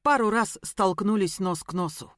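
A woman narrating a first-person audiobook in an even, measured storytelling voice. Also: mid-range voice, no room sound, clean studio sound.

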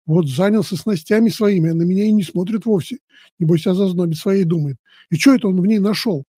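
A man's voice: fast talker, warm tone, slightly rough, dry recording, studio quality. A man putting on a fretful, jealous village wife. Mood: resentful. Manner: shrill scolding, tearful pleading.

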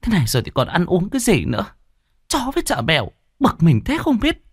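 A high, shrill village mother who scolds and swoops through her lines, put on by a male storyteller. She speaks in a lively, complaining manner. The recording is dry and close. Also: a little fast, husky, dry recording, heavily acted. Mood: exasperated.

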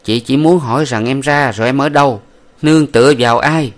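A man voicing a shrewd, smooth-talking brothel madam in an audiobook, coaxing and sweet. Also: medium pitch, a little fast, voice pushed up, lightly acted. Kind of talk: audiobook character voice.

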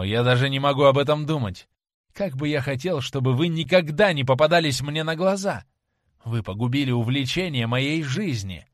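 A man voicing a proud young man who turns cruel in anger, with loud, bitter, accusing outbursts in an audiobook reading. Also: medium pitch, no echo, studio quality, close to an everyday voice.

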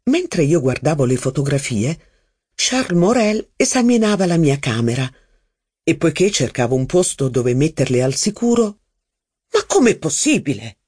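Narrator for a literary audiobook: animated, varied intonation, dry close studio sound. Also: medium pitch, breathy edge, no room sound. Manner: expressive, measured reading with lively phrasing.

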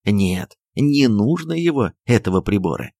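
A man narrating a novel as an audiobook, reading in an expressive, dramatic storytelling manner. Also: fairly low pitch, a little slow, creaky, dry recording, clean studio sound.

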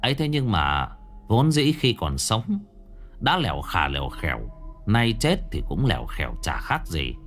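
A man narrating a ghost story in a dramatic, animated storytelling manner. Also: lowish voice, normal speed, faint music behind.

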